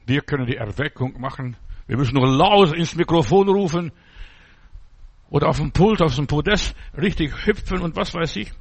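A man's voice: a little high, gravelly, breathy edge. A man preaching an informal sermon, blunt and mocking, in short broken phrases.

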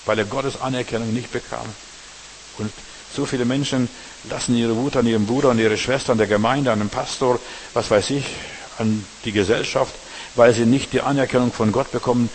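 Man, preacher, emphatic sermon, mid-pitched voice, faint hiss. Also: steady tone, brisk, poor audio. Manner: emphatic, talks straight to the congregation with repeated tag questions.

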